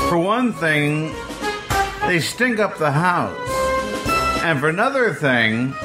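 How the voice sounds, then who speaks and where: Slow, halting male comedy host. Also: medium pitch. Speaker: show host. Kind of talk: casual comedic chat.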